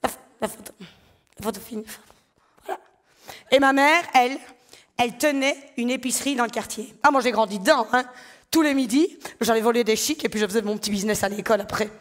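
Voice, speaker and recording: A woman in her thirties with a Belgian French accent from the Liège area, telling stand-up stories on a theatre stage in an animated way and acting out voices. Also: on the high side, quick pace. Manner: animated storytelling, acts out voices. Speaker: stand-up comedian. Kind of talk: stand-up comedy monologue. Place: theatre stage before a live audience.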